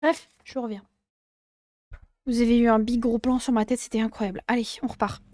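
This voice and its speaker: A woman's voice: a little high, little pitch movement, a little fast, warm tone. A woman giving casual let's-play commentary on a horror game, chatty and jokey, talking back to the characters with slang and swearing. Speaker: gaming video creator.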